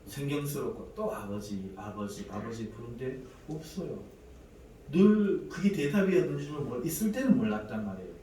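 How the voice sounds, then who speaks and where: A man's voice: on the high side, very animated, normal speed, dark tone, a little hiss or hum. Echoey preacher man in his forties. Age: 40s. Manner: dramatic storytelling, acting out prayers and quoted voices. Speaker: pastor. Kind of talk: sermon with personal testimony. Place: church sanctuary. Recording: echoey church hall, mic at a distance, faint room ambience.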